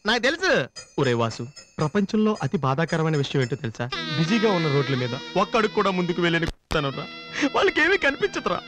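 A man's voice: a little high, huge pitch swings, music in the background. An actor playing a chatty young male sidekick who rattles off comic advice to his friend. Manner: rapid, rambling advice-giving. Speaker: film actor. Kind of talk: comic film dialogue.

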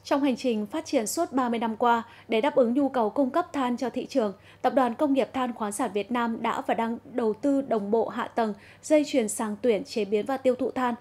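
A woman reading a scripted news voice-over in a clear, formal manner. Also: on the high side, moderate pace, hardly any pauses, darkish tone. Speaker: news narrator.

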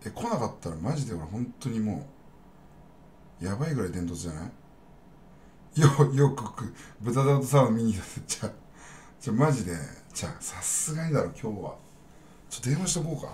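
A man's voice: fairly low pitch, big pitch swings, fast talker, long pauses, darkish tone, slight background noise. A man chatting casually on a live stream, rambling bluntly and talking straight to his viewers.

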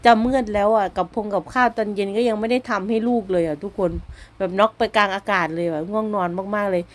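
A woman with an Isan Thai accent, a stay-at-home mother narrating her vlog as a casual voice-over, chatty and quick to laugh, often speaking straight to the viewers. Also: mid-range voice. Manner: chatty, keeps addressing viewers directly; laughs easily between remarks.

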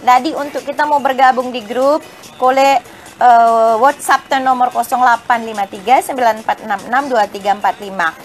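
A woman's voice: on the high side, steady tone, fairly quick. A woman hosting a casual live-stream chat, greeting viewers by name between frequent hesitant fillers. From Bajau community of Indonesia.

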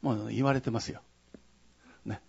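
Man, pastor, husky gravelly voice, conversational sermon, bursts of emphasis, dull lo-fi church recording. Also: lowish voice, steady tone, normal speed. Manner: conversational preaching, frequent 'ne' tags, rising to loud emphasis.

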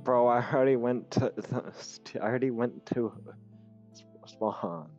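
A young man streaming a game, joking in quick banter with friends. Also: medium pitch, a little mellow. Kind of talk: casual gaming chat. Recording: slightly muffled voice chat with faint music.

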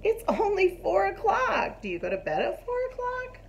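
A woman's voice: very high-pitched, huge pitch swings, normal speed, a little hiss or hum, voice pushed up, exaggerated voice. A woman voicing a bossy young beaver boy from a storybook, talking bluntly.

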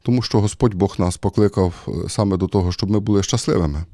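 A priest with a low, mellow voice delivers a homily in a relaxed, conversational style, talking fast but pausing often with fillers as he thinks aloud. The recording is close and dry, with no room echo.

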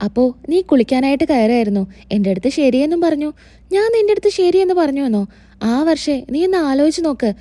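A woman's voice: sits high, expressive, fast, hardly any pauses, mellow. A woman narrator voicing an earnest, devoted young wife who pleads and explains.

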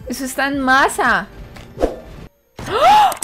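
A woman's voice: a little high, a little slow, soft background music. A woman hosting a reaction video, gasping and exclaiming as she watches an episode.

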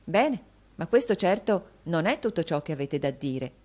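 A spiteful young miller's daughter who teases and needles with mock innocence, as a woman narrator puts her on. Her mocking manner stays sharp and pointed throughout. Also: lowish voice, very animated, moderate pace.

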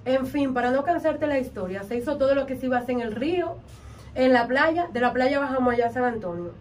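A woman with a Dominican accent, a vodou practitioner recounting a ritual in an interview, animated and acting out the things she said. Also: high-pitched, quick pace. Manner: animated, acts out quotes and chants. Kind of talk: storytelling in an interview. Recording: distant mic, faint background noise.

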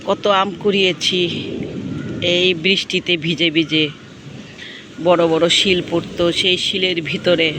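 A hoarse woman with a cold, hosting a gardening vlog and gently telling nostalgic childhood stories from her rooftop garden outdoors. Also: fairly low pitch, noisy background. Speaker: gardening channel host. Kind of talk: casual reminiscing vlog.

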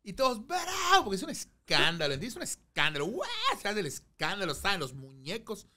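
A man's voice: sits high, brisk. A middle-aged man with a Mexican accent, telling a story as a podcast guest in casual chat and acting out the voices in it. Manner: animated, acts out voices in his anecdotes.

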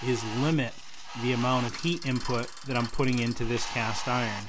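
A man giving a steady, instructive voice-over that explains his welding method step by step. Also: mid-range voice, fairly quick, background noise. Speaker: welding channel host.

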